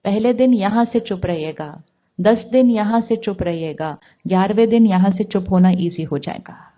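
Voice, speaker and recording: A woman speaks in a calm, unhurried way as she gives a spiritual talk. Her voice is mellow and warm and sits in an ordinary middle pitch. She keeps turning to her listeners with questions. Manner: calm, asks the audience rhetorical questions. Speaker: spiritual teacher.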